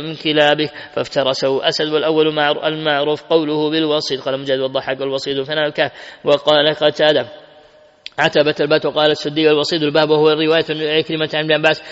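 A man's voice: fairly high pitch, fairly bright tone, clear, resonant tone. A man reading classical Quran commentary aloud, with frequent self-corrections and restarts. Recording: dull lo-fi recording with long hall reverb.

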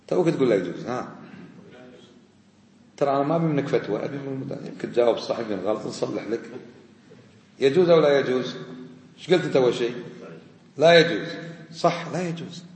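A man teaching a religious lesson, quizzing his students and repeating his questions. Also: fairly bright tone. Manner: quizzing, repeats questions, drops to low asides. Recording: echoey hall.

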